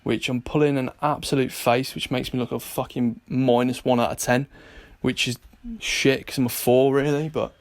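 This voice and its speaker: A British man chats straight to his viewers in a relaxed vlog, mid-pitched and ordinary in tone. He is blunt and jokey, swearing freely as he gives fitness tips. Much of it is recorded indoors at a gym. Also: moderate pace, hardly any pauses. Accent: British English. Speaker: vlogger and personal trainer. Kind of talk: casual vlog chat.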